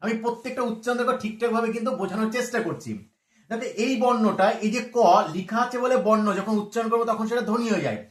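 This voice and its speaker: A man's voice: very high-pitched, rapid-fire, echoey room. A middle-aged man teaching grammar, explaining patiently and drilling sounds over and over while asking his class questions. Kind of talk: classroom lecture to camera. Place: room with a bedsheet hung behind.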